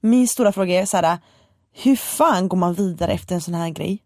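A woman's voice: on the low side, darkish tone, no room sound, studio quality. Blunt, outspoken woman in casual chat. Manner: blunt, frequent swearing, quick reactive interjections.

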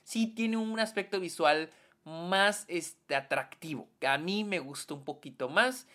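A woman with a Mexican accent giving a casual film review, slangy and animated, with many filler words. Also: lowish voice, unhurried.

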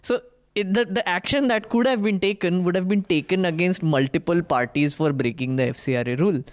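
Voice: mid-range voice, fairly quick. A speaker with an Indian accent in a conversational political panel discussion, informal and often checking in with a questioning tag.

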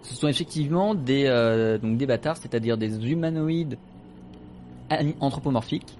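A man running a tabletop role-playing game as game master, with measured, mock-formal phrasing. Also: medium pitch, a little mellow, slight background noise.

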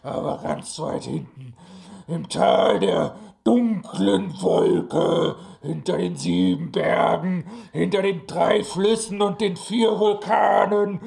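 A man voicing a gloating alien conqueror who booms out slow threats in an improvised audio play. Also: gravelly, a little mellow, full character voice. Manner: slow, booming, gloating laughter.

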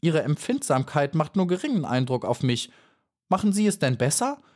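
A man's voice: on the high side, sing-song, moderate pace, darkish tone, pitched above the performer's own voice. A man voicing a large female dragonfly in a storybook, haughty, condescending and predatory.

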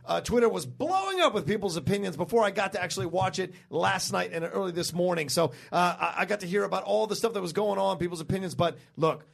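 A man presents a show in a casual, chatty manner. His voice is high for a man and has a strong creaky edge. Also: fast, few pauses. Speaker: wrestling recap show host.

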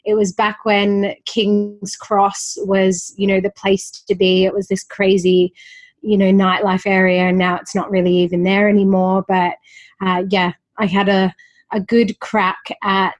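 A confidence coach in her thirties chats openly as a podcast guest in a casual interview, speaking in a mid-range voice with little pitch movement and a measured pace. Her Australian accent has been softened by years in London, and she's getting over a slight cold.

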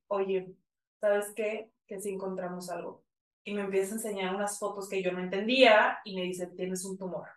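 A woman's voice: medium pitch, distant mic. A woman recounting a personal story in casual conversation, full of fillers and quoted dialogue. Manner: emotional, filler-heavy retelling with many quoted lines. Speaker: guest telling her story. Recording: echoey room, a bit off-mic.

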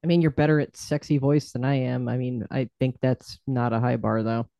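A man's voice: medium pitch, little pitch movement, brisk, vocal fry, mellow, no echo. A man co-hosting a podcast, making dry, wry remarks in a casual chat over beers. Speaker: podcast co-host.

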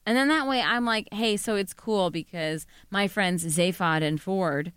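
Smooth-voiced woman, joking storyteller. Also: mid-range voice, unhurried, fairly bright tone, no room sound, studio quality. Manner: joking, self-deprecating storyteller who acts out quotes. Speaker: podcast co-host. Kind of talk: casual chat.

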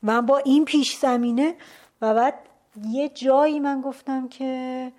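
A woman casually telling a personal story out loud. She is animated, sometimes drops to a hushed whisper, and often breaks off mid-word to restart. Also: high-pitched. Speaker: storyteller recounting a climb.

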